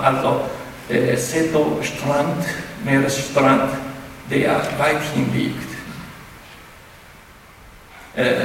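A man's voice: fairly high pitch, creaky, a little hiss or hum. A man giving a spoken lecture, hesitant and often restarting his words. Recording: echoey hall, mic far off.

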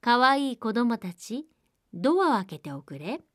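A woman's voice: on the high side, very animated, moderate pace, no echo, studio quality. A woman reading as a cunning wolf, falsely sweet. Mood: coaxing. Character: cunning hungry wolf faking a mother's voice.

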